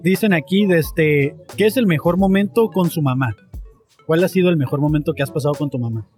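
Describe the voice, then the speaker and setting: A Mexican man hosts a street podcast, his voice pitched a little high for a man, relaxed and joking as he reads out questions. Faint music runs in the background. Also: fairly quick. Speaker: podcast host. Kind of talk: casual street interview. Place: outdoors on a street.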